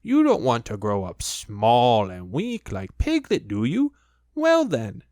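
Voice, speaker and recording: A reader voicing a fussy mother kangaroo in a storybook, brisk, soothing and firm. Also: medium pitch, huge pitch swings, darkish tone, no room sound, studio quality. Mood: brisk, motherly. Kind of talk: storybook reading.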